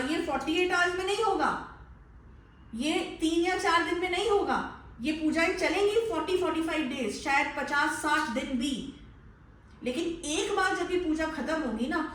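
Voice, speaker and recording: A high-voiced Indian woman delivers a spiritual talk in a firm, lecturing tone, scolding her listeners. Her voice comes from a distance and rings through a very echoey room. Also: a bit bright, a little hiss or hum. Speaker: spiritual healer. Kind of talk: direct-to-camera spiritual talk.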